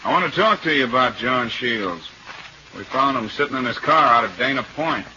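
A man's voice: mid-range voice, expressive, normal speed, bright, forceful tone. A muffled, noisy old radio recording of a suspicious beat cop turned detective. He is blunt and clipped, firing tough questions in 1940s crime drama style. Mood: probing, stern. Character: blunt, suspicious small-town police detective, former homicide man.

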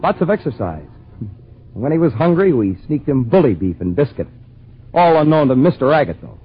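A man's voice: mid-range voice, big pitch swings, moderate pace. An actor playing an earnest young sailor who narrates his voyage in old radio drama style. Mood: storytelling. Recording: muffled old radio recording, clear background noise.

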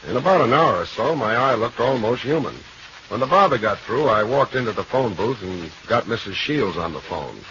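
An actor playing a wisecracking, unflappable private investigator with a dry, sardonic delivery in a 1940s radio detective drama. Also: male voice, mid-range voice, lively intonation, normal speed, fairly bright tone, lightly acted. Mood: narrating, dry. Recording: muffled, noisy old radio recording.

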